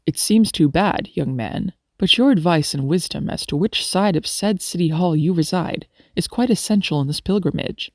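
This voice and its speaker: A woman voicing a polite, cheerful young male doctor in a storybook, speaking in a lowered, courtly, teasing way. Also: normal speed, few pauses, dry recording, studio quality. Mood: genial.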